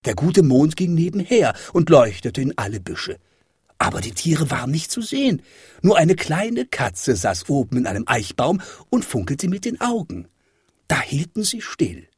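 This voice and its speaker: A man reading a children's fairy tale aloud with expressive, dramatic delivery. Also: a little high, moderate pace, husky, no echo, clean studio sound. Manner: lively, dramatic rises and falls. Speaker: storyteller.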